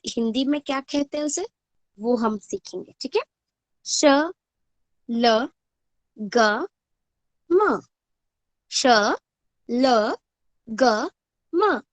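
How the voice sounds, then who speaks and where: Her voice on the high side and free of echo, a teacher leads first graders through an online lesson. She asks the class questions and answers them herself, drilling words slowly and clearly syllable by syllable.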